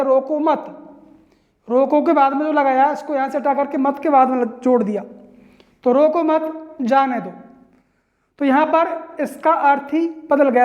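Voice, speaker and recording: A man teaching a grammar lesson from India, going over each point deliberately, repeating it and answering his own questions. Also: very high voice.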